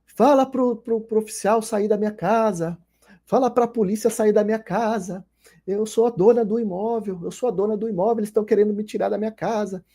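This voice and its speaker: A Brazilian man voicing a distressed older woman who pleads urgently for help, with a husky tone. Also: high-pitched, warm tone, exaggerated voice. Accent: Brazilian Portuguese.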